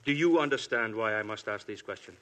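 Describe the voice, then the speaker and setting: In an old radio broadcast, a man with a lowish, expressive, fairly bright voice plays a persistent police inspector in a 1950s radio drama. Speaking fairly quickly in a probing mood, he stays polite but relentless in his questioning.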